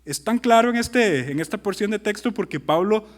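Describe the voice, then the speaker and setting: A pastor with a Costa Rican accent preaching a sermon, animated and full of rhetorical questions to his listeners. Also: high voice, normal speed. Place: church hall. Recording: long hall reverb.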